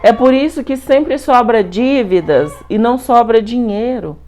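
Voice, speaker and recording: A middle-aged Brazilian woman telling a personal story to her viewers in a lively, colloquial, repetitive way. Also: fairly high pitch, measured pace. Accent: Brazilian Portuguese. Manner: animated, repetitive, colloquial retelling. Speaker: spiritual channel host.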